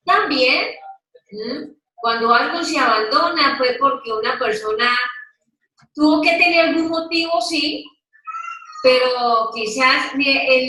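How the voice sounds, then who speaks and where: A woman leads an interactive Bible study, teaching slowly and asking questions that coax listeners into taking part. Her voice is high-pitched, pushed and bright. She sits back from the mic, so the room sounds echoey and roomy.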